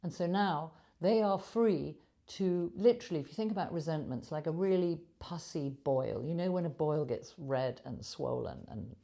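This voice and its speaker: Woman, low voice, gravelly edge, earnest teaching talk, lapel mic. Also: animated, normal speed, hardly any pauses, mellow. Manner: earnest, emphatic, piling up vivid images. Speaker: author and shame teacher. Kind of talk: reflective spoken lesson. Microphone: clip-on lapel mic.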